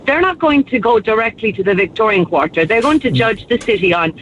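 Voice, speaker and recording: Woman, southwest Irish Kerry accent, high pitch; forthright, indignant phone-in caller on a dull line. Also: lively intonation, a little fast, a little hiss or hum. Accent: southwest of Ireland, Kerry. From County Kerry, Ireland. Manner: emphatic, forthright. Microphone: telephone.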